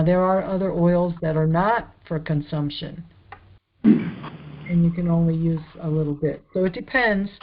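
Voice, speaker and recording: A woman's voice: on the low side, dull audio. A woman teaching about healing in a casual, rambling, explanatory way with many fillers.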